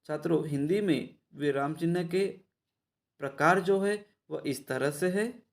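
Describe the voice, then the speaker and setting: A man teaching an online Hindi grammar lesson in a measured way, speaking to his students directly. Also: on the high side, gravelly. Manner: measured, addresses the students often.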